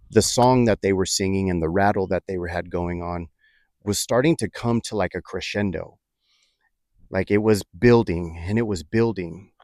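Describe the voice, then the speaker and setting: Low-voiced man telling a personal story. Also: no room sound, studio quality. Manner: reflective, halting, many fillers and restarts.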